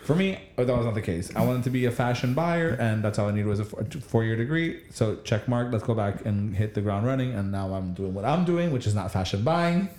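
A man's voice: on the low side, animated, a little fast, few pauses, a little mellow. Reflective man in an echoey room. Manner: reflective, rambling, many restarts. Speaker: administrator going back to school. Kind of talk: casual chat.

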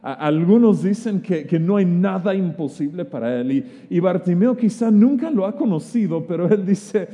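Preacher with a dark, mellow voice. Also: male voice, high-pitched. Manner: animated, stammering restarts, vivid retelling. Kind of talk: sermon storytelling. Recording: long reverb of a hall.

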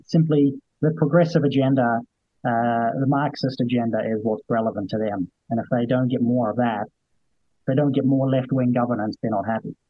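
A man with a husky, slightly rough voice talks politics as a guest commentator. He speaks conversationally and haltingly, circling back over his phrases. The sound is dry, dull and lo-fi. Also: mid-range voice, steady tone, dry recording. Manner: hesitant, repeats phrases. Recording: dull, lo-fi remote audio.

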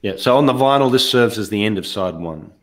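Male host, lowish voice, measured explanatory album review. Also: expressive, a bit bright. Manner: measured, explanatory, steers the discussion. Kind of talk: casual music review chat.

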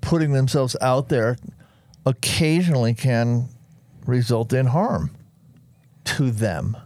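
A man's voice: medium pitch, animated, slow, darkish tone, dry recording. A man co-hosting a podcast, playfully playing devil's advocate with pointed questions. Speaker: podcast co-host. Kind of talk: conversational podcast interview.

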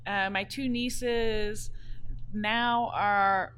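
Excited New woman. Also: medium pitch, extremely slow, slight background noise. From New Orleans. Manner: enthusiastic, bursts into excited exclamations. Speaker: parade krewe member. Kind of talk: casual panel chat.

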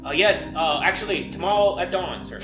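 A man's voice: high voice, a little fast, natural voice. Fantasy tabletop gate guard, played by a man, formal, hesitant and obsequious, roomy distant sound with music behind. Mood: nervous, formal. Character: deferential, flustered male city gate guard. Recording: roomy, distant mic under loud music.

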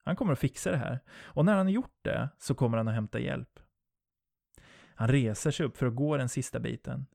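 A man narrating a first-person horror story in a low, steady storytelling voice. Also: creaky, dry recording, studio quality.

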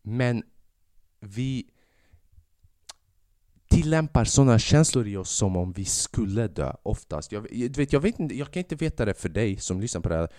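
A man with a lowish voice hosts a casual solo podcast, ranting and rambling animatedly with plenty of swearing while sick with a fever. He pauses often, and the studio-quality recording has no room sound.

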